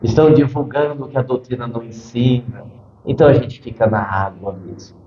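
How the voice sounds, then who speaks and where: A man, a medium, speaking as a spirit doctor in a channeled interview, measured and given to dry humor. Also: medium pitch, steady tone, reverberant, highs cut off, slight background noise.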